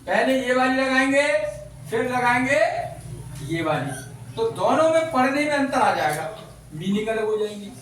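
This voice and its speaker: A man's voice: extremely high pitch, big pitch swings, moderate pace, fairly bright tone, a little hiss or hum. A male teacher giving a classroom lesson, quizzing the children and repeating their answers back. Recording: echoey classroom from far off.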